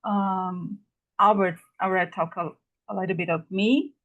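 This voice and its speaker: Her mid-range voice steady and her pace moderate, a Brazilian woman with a Brazilian Portuguese accent guest-lectures a casual online class by video call, where the sound is phone-like. Portuguese is her native tongue, and she speaks haltingly and apologetically, with many fillers and restarts.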